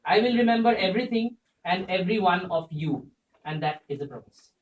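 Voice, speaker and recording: Someone leaving the job giving a prepared farewell speech, quick pace, roomy and noisy recording. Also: mid-range voice, animated, dull audio. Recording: roomy, distant mic, noisy gathering.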